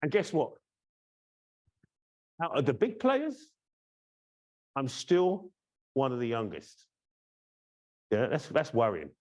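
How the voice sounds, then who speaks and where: Taking it slowly with long pauses, this man has a medium pitch that swoops wildly and a darkish tone. A course trainer from the United Kingdom in his fifties, he hosts a training webinar by video call, casual, chatty and teasing, often checking in with "yeah?".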